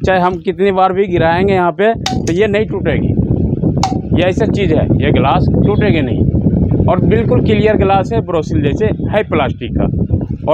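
A man in his thirties giving a steady salesman's patter in a small crowded shop, running through brands and prices. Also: a little high. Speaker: wholesale shopkeeper. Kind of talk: sales pitch for a shop tour. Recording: slightly dull, faint background hum.

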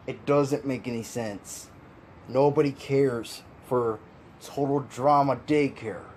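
A man's darkish, mid-range voice takes it slowly as he rants in a video commentary, frustrated and exasperated, sighing, laughing, and repeating himself. A little hiss or hum can be heard.

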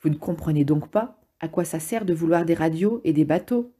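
Urgent stranded boy leader read by a woman, low husky voice, storybook. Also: fairly quick, dark tone. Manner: urgent, insistent pleading.

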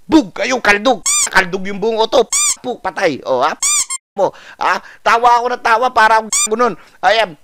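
A man's voice: high voice, moderate pace, background noise. A man from the Philippines telling a story in a casual vlog, acting out the dialogue and repeating lines. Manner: animated, acts out dialogue with repetition. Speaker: vlogger.

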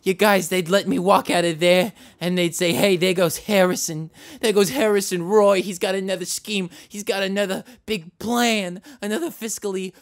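A man's voice: high-pitched, fairly even intonation, normal speed, hardly any pauses. An actor voicing a desperate, rambling cartoon man who pleads to be believed, repeating himself and stumbling over restarts. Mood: pleading. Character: rambling desperate man insisting on his identity. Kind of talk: animated short voice acting.

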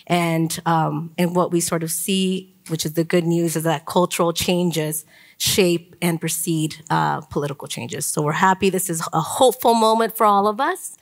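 A woman in her forties moderates a panel on a conference stage, speaking into a lapel mic. Her voice sits a little low, and she moves through her remarks with frequent ums and restarts. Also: moderate pace. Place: conference stage before an audience.

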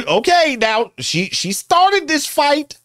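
A man's voice: very high-pitched, wildly swooping pitch, slow pace, a bit bright. A middle-aged American man giving casual, slangy, teasing reaction commentary as a show host. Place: indoor home studio. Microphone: close studio mic on boom arm.

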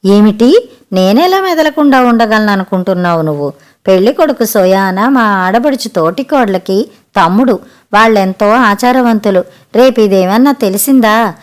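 A woman reading a story aloud, voicing an older female relative who scolds loudly and clings to tradition. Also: mid-range voice, expressive, moderate pace, close to an everyday voice. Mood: scolding. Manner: loud, scolding, domineering. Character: bossy older woman relative, rigid about custom. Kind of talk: audiobook character voice.

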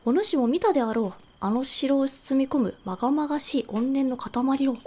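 A woman reading a mysterious, sage-like old man's lines in slow, archaic elder speech while streaming a game. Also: high-pitched, expressive, mellow. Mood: solemn. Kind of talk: reading a game character's lines during a live commentary stream.

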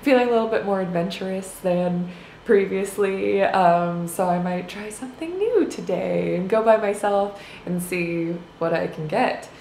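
A woman's voice: mid-range voice, unhurried, gravelly, darkish tone. A young woman in her twenties chatting casually to a handheld camera in a small hotel room, rambling with lots of fillers and little laughs. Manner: rambling, filler-heavy, giggly. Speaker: vlogger. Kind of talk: casual vlog chat. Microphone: handheld camera close up. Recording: roomy hotel room sound, faint hiss.

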